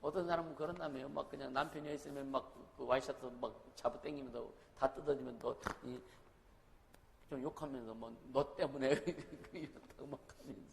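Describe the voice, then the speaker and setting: A man's voice: mid-range voice, steady tone, fairly quick, creaky. Man, pastor, sermon, conversational, asks the congregation questions, long hall reverb, faint background hiss. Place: church sanctuary.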